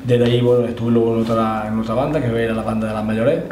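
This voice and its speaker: A man's voice: fairly low pitch, level tone, fast talker, a little mellow. Echoey middle-aged Andalusian man chatting. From Spain, Andalusia. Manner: conversational, often adds tag questions. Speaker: interviewee, Holy Week proclamation orator. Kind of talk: casual interview, storytelling. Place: indoors, room with display cabinets. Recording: echoey, slightly distant, faint noise.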